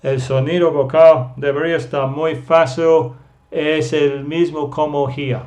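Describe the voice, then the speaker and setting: A man's voice: fairly high pitch, level tone, measured pace, darkish tone. A man teaching a beginner language lesson, patiently explaining step by step and drilling each vowel sound by repeating it many times. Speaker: English teacher.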